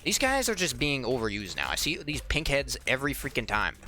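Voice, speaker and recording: A man's voice: mid-range voice, fairly quick. A young man commenting on his own gameplay, chatting with viewers in an exasperated, joking way, his voice cracking from a dry throat. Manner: animated, exasperated banter with viewers. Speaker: gaming channel host. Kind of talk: let's play commentary. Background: faint game music.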